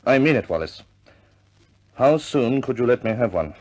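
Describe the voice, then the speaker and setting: Urgent and firm in mood, a male actor with a medium-pitched, sing-song, darkish voice plays a grave, businesslike senior British air force officer. His briefing is deliberate and measured, in 1950s war film style.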